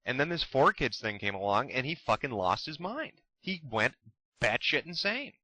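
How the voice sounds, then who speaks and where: A man's voice: medium pitch, very animated, normal speed, sharp tone, no echo, poor audio. A man delivering a heated, profane commentary rant with an exasperated tone. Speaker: commentary host. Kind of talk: ranting commentary.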